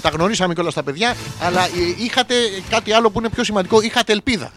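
A man's voice: high-pitched, lively intonation, over music. A man hosting a radio show, reading horoscopes as a crude, rambling comic monologue full of wordplay.

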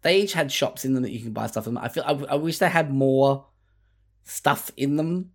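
Man, podcast co-host, casual chat, rambling, mid pitch. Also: expressive, moderate pace. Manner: rambling, many restarts and fillers.

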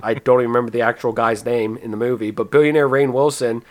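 A man hosting a casual movie podcast, summarizing the plot with quick, stumbling restarts. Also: mid-range voice, fairly even intonation, darkish tone. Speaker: podcast host presenting the movie.

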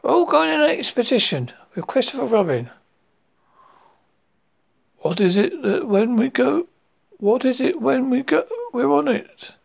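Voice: very animated, unhurried, vocal fry, pauses often, full character voice. A reader putting on Pooh, a simple, cheerful honey-loving bear. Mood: eager. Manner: high, sing-song and eager. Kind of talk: storybook reading.

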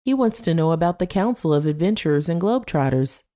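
A woman's voice: lowish voice, expressive, fast, warm tone, natural voice. A woman voicing a chatty older woman from a council of old travelers, with her voice raised above her own.

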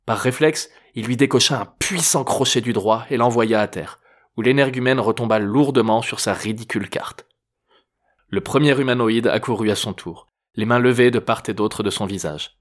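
A man narrating a novel chapter in a measured, even reading voice. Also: medium pitch. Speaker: audiobook narrator. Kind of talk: scripted narration.

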